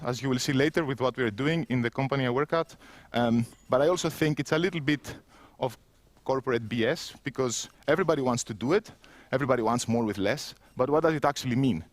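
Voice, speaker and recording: Here a Greek-accented keynote speaker in his 30s talks conversationally and wryly, poking fun at himself and often restarting his sentences. His medium-pitched voice moves fairly fast, and the close-miked sound is dry with no room echo, though he's standing in an empty indoor room at a conference keynote.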